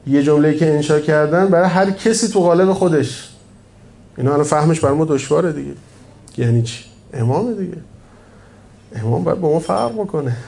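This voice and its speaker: Dark-voiced male religious lecturer. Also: mid-range voice. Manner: conversational and emphatic, with repetition and rhetorical questions. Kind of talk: religious lecture to a live audience. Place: gathering with an audience present.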